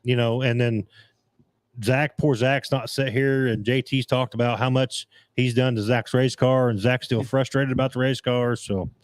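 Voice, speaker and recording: With his voice getting scratchy, a man hosting a casual racing podcast talks about dirt track racing, reading out comments and frequently rambling and starting over. His voice is mid-range with fairly even intonation and a moderate pace, and there's no room sound.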